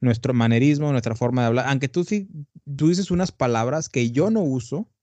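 Slangy northern Mexican man, mellow voice. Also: mid-range voice, brisk, no echo, muffled recording. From Tamaulipas, northern Mexico. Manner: rambling and animated, slangy, peppers lines with "güey". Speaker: podcast host. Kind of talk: casual chat.

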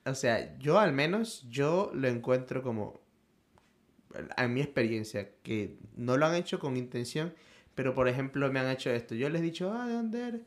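A man from Ecuador with an Ecuadorian accent, co-hosting a casual podcast chat and telling relaxed stories. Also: medium pitch, moderate pace. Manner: relaxed storyteller who tags phrases with "loco". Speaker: podcast co-host.

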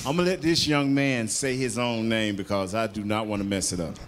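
A man's voice: fairly low pitch, brisk. A man on a sports panel who talks loosely, jokes and stresses his points with slang. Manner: loose, joking, emphatic slang. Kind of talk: casual panel chat.

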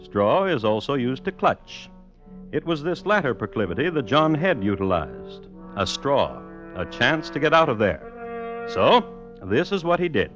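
A man's voice: mid-range voice, big pitch swings, a little slow, a bit bright. A man giving dry, wry scripted narration for an old radio crime show. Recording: dull old radio recording with music.

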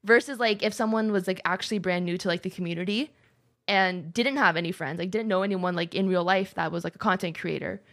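A woman's voice: on the low side, brisk, fairly bright tone. A woman co-hosting a casual podcast chat about streaming, chatty and filling her talk with "like". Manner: chatty, heavy use of "like", laughs often. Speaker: streamer co-host.

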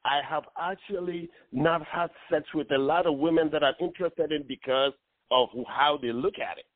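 A man in his forties from Ghana, calling in to a radio talk show, speaking earnestly with many pauses and fillers. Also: fairly high pitch, no room sound. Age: 40s. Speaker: caller. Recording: tinny phone line.

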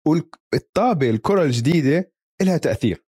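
Lively, fast man with Palestinian-Jordanian accent. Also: on the high side, breathy edge, no echo, clean studio sound. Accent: Palestinian-Jordanian Levantine Arabic. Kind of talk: casual sports chat.

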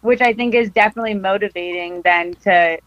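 A woman's voice: mid-range voice, a little fast, a bit bright, no room sound, highs cut off. A woman in her twenties from California, a film photographer chatting in a casual interview, laughing often and filling with likes and ums. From Costa Mesa, California. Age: 20s. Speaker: podcast guest, film photographer.

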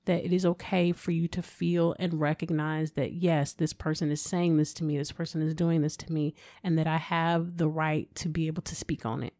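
A woman co-hosting a psychology podcast, talking in a relaxed, conversational way and laughing now and then. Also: deep voice, normal speed, few pauses, no room sound. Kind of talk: casual podcast discussion.

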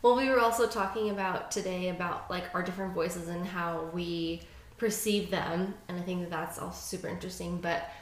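A woman's voice: on the low side, steady tone, fairly quick, slight background noise. Bubbly giggly woman guest, echoey room. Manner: bubbly, giggly, many fillers. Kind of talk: casual podcast chat.

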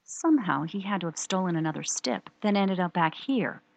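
A woman's voice: lowish voice, lively intonation, brisk, gravelly, dry recording. A woman playing an earnest, questioning rookie time-travel agent in an audio drama.

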